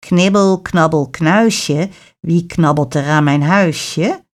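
A wicked old witch from a storybook, her voice creaky and cruel, put on by a woman reading aloud. She stretches her words slowly and sits low, then swings up into a falsely sweet tone to lure children in. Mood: sly sing-song. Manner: sugary, then gloating and bossy.

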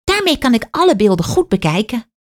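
A woman's voice: on the high side, big pitch swings, fairly quick, pitched above the performer's own voice. A woman from Aruba voicing a curious little schoolgirl. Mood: cheerful. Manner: wondering, eager questions.

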